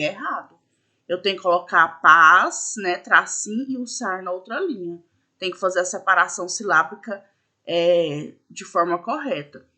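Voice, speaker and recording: A woman's voice: mid-range voice, pushed and bright. A woman teacher patiently explaining a school lesson step by step, with frequent fillers. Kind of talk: recorded classroom lesson.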